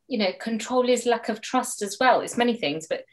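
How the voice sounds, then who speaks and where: A woman's voice: on the high side, brisk. A woman mediator, a guest in a conversational interview, talking animatedly and acting out the voices she quotes.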